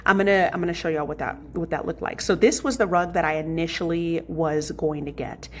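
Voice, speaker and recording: A woman home vlogger casually telling viewers a story, chatty and animated, often saying "y'all". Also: fairly low pitch, a little fast.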